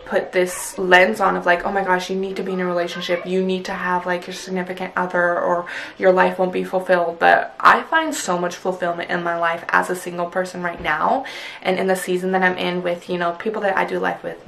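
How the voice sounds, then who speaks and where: This Punjabi-first-language vlogger in her twenties talks casually to camera from a small bedroom, gushing and leaning on "like" fillers. Her voice is lowish, creaky and fairly bright, with slight background noise.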